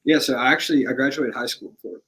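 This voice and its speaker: A man's voice: mid-range voice, rapid-fire, fairly bright tone, poor audio. A young man from Alabama, a business owner guest, talking in a laid-back, matter-of-fact way. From Alabama, USA. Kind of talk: casual interview chat.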